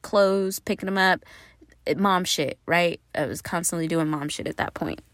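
A woman's voice: on the low side, normal speed, fairly bright tone, dry recording, clean studio sound. A woman in her thirties telling her life story casually to camera, candid and swearing freely as she talks straight to viewers. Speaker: vlogger.

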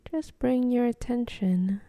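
In a fairly high, soft, breathy voice that is often nearly whispered and slightly creaky at the edges, a woman guides a meditation slowly and gently with long pauses. It sounds soothing throughout, recorded close and dry with no echo.

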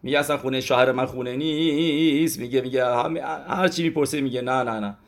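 A man teaching a religious lesson, retelling stories in a loose conversational way that halts and often restarts words. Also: medium pitch. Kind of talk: storytelling Torah lesson.

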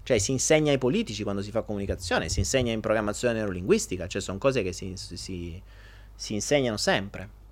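Animated man chatting live. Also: fairly low pitch, fairly quick. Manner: animated, jokey, talks to viewers directly. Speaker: live stream host answering viewers. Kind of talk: casual live chat.

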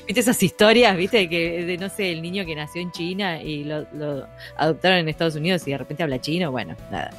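A woman's voice: fairly low pitch, brisk, soft background music. A woman with a Rioplatense Spanish accent, co-hosting a casual chat, playful and laughing often. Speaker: podcast co-host.

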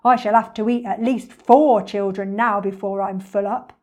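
A woman's voice: mid-range voice, steady tone, normal speed, darkish tone, natural voice. Woman acting a huge male crocodile, storybook villain, greedy, scheming, gloating over every word. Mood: grumbling, hungry. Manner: gloating, relishing each word.

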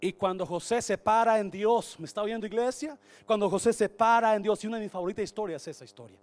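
A man preaching a sermon to his church in an animated, joking way, slipping English phrases into his Spanish. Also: high voice, fast. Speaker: pastor.

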